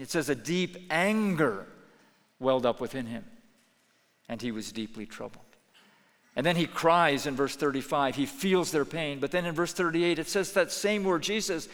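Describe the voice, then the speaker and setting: A man preaching a sermon as pastor, earnest, moving between hushed pleading and raised intensity. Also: mid-range voice, long reverb tail. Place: church sanctuary.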